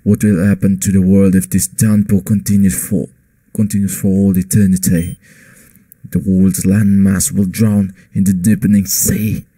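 A man reading out the lines of a stern male rival gang leader in a flat read-aloud voice. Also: sits low, moderate pace.

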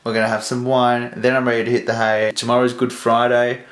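A man's voice: medium pitch, little pitch movement, a little fast, no echo. A young man chatting casually and cheerfully in a travel vlog, filming himself at arm's length. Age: young adult. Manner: chatty, upbeat, laughs between remarks. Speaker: vlogger. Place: streets, car and house, in and out of doors. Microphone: camera held at arm's length.

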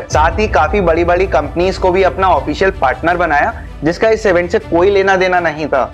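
High-voiced young man narrating explainer. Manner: brisk storytelling, English words mixed in. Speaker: explainer video host. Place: indoor studio, plain backdrop. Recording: clear music bed underneath. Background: background music.

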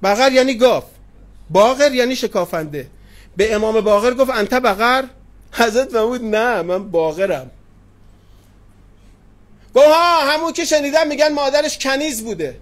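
Brief: high-pitched middle-aged male preacher telling stories in a sermon, affectionate with his listeners. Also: expressive, a bit bright. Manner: addresses listeners tenderly, retells anecdotes with quoted dialogue. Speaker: cleric preacher. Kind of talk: sermon with storytelling. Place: religious gathering hall.

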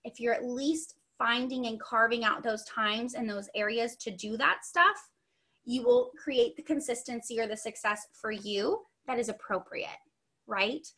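A young woman leads a sales training over a video call, her voice a little high and very bright. She talks in a chatty, upbeat way and drifts into friendly asides. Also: a little slow. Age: young adult. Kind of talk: online training session.

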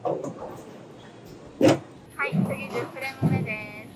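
A woman's voice: sits high, fairly even intonation, slow. A young woman commenting frankly and self-critically on her own bowling practice, recorded by a camera on the floor of a large indoor bowling alley. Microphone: camera on the floor behind the lane. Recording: loud bowling alley noise behind. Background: rolling balls and pin crashes.

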